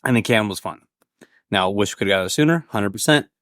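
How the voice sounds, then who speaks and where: A man presenting a beer in casual, halting podcast chat, speaking informally. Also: fairly low pitch, lively intonation, fairly bright tone, no room sound, studio quality. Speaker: brewery staffer presenting a beer.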